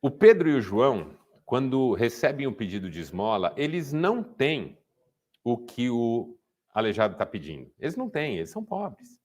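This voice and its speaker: A man's voice: medium pitch, moderate pace. A Brazilian Portuguese-speaking man giving a sermon-style talk to a men's group, telling stories and acting out the dialogue. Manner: animated storytelling, acting out dialogue.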